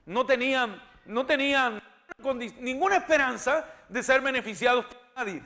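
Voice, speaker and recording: A male pastor preaching a sermon, emphatic and repeating his words, now and then rising to loud cries. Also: extremely high pitch, normal speed. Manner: repeats words and restarts often. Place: church.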